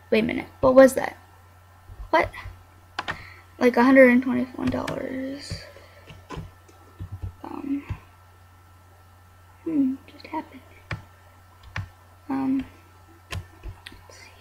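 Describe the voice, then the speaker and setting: A woman's voice: sits high, creaky, a little mellow, slight background noise. A young woman chatting casually while playing a life simulation game, scolding her barking dog now and then, with keyboard clicks behind her. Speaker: gameplay narrator.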